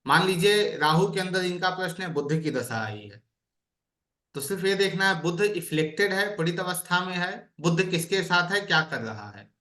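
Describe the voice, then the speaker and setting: A man's voice: sits high, lively intonation, normal speed, sharp tone, roomy sound. A man teaching an online astrology class, explaining by asking his students questions.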